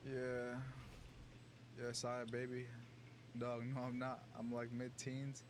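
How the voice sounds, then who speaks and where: A man's voice: medium pitch, monotone, slow, noisy background. A man chatting and joking casually with his coach, heard faintly from a distance over comms. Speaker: student player.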